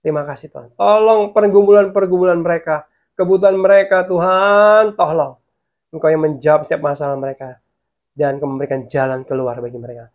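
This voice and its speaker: Gravelly guy preaching, fairly high voice, gets loud when he prays. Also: brisk. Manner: lively preaching, swells loud in prayer. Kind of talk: online sermon and prayer.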